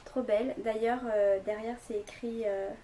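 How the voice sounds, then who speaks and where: Young woman, chatty and rambling, slightly high voice, faint background hiss. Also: fairly even intonation, moderate pace, mellow. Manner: chatty, rambling, many fillers. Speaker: vlogger. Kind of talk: casual haul vlog.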